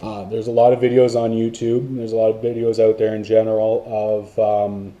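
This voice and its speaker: Mellow-voiced man rambling about paintball. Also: fairly low pitch, level tone, a little fast, dull audio. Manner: rambling, many fillers and restarts. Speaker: paintball vlogger. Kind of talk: casual talk to camera.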